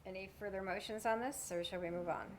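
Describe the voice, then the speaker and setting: A woman chairing a town select board meeting, moving briskly through motions and votes. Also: mid-range voice, steady tone, slight background noise. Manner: brisk, procedural, runs votes.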